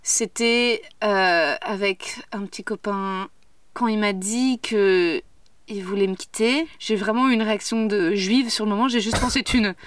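A woman's voice: medium pitch, a little slow, no echo, recorded from a distance. A woman hosting a podcast, frank and joking, reacting to her guest in casual chat. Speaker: podcast host. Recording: voice a bit off-mic.

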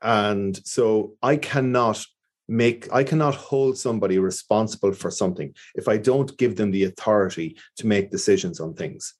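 A man's voice: fairly low pitch, normal speed, a little mellow. A man with an Irish accent, a business owner talking earnestly in an interview and repeating his key points. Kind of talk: conversational interview.

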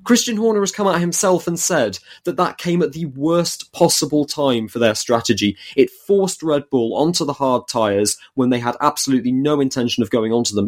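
Emphatic mid-pitched man on a podcast. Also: a little fast, few pauses. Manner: emphatic, argumentative. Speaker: podcast panellist. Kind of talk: opinionated motorsport discussion.

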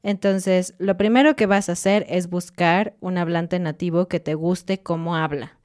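A woman, co-hosting a casual Spanish-learning podcast and explaining things clearly with light jokes. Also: on the low side, steady tone, unhurried, a little mellow. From Mexico. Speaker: podcast co-host and Spanish teacher. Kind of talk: casual educational podcast chat.

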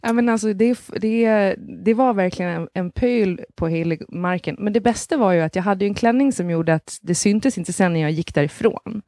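A woman's voice: mid-range voice, hardly any pauses, warm tone, no room sound, clean studio sound. A woman in her thirties, co-hosting a podcast, telling a story in casual chat with lots of laughter and casual swearing, acting out other people's lines. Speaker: podcast co-host.

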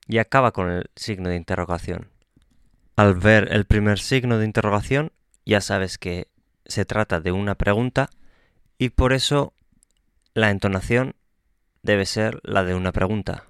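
A man hosting a podcast lesson, explaining patiently and calmly with small self-corrections. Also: on the low side, clean tone, no echo, clean studio sound. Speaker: Spanish teacher and podcast host. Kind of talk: slow, clear podcast lesson for learners.

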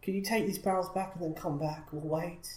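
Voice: mid-range voice, fairly even intonation, fairly quick, a little mellow. Player at a tabletop game, echoey room. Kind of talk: casual tabletop play. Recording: echoey room with faint noise.

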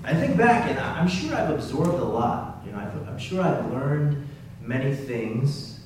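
A man preaching a sermon in a relaxed, conversational and self-deprecating way, with many restarts. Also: mid-range voice, unhurried. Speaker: pastor. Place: church sanctuary. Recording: roomy, distant church mic with hum.

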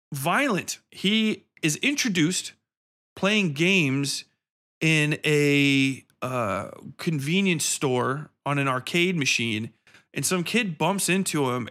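A man hosting a podcast about horror films and books launches into a casual review rant that is full of swearing. His fairly high, slightly bright voice sounds exasperated, sarcastic and emphatic throughout the monologue.

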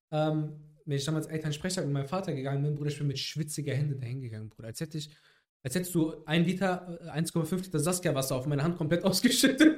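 A man's voice: a little high, a little mellow. A young man chatting casually on a podcast, rambling in street slang with many restarts. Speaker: podcast guest.

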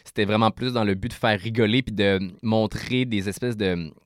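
A man with a Québécois French accent, a rapper guest explaining rhyme in a casual interview, animated and full of restarts. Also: lowish voice, moderate pace, dry recording, studio quality.

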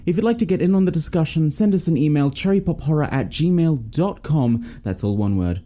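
A male podcast host with a mellow, relaxed tone. His pitch moves around in a very animated way as he presents and chats. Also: a little fast. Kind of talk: casual podcast chat and scripted intro.

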